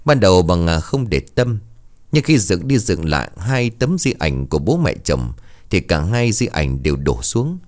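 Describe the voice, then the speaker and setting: A man narrating a ghost story in a dramatic, animated way. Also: low voice, moderate pace.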